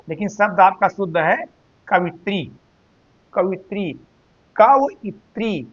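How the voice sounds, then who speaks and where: A man teaching Hindi spelling, repeating each word slowly and calling his students "beta". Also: high-pitched, a bit bright, highs cut off. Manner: slow, drawn-out repetition of words, addresses students as "beta". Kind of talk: spelling and grammar lesson.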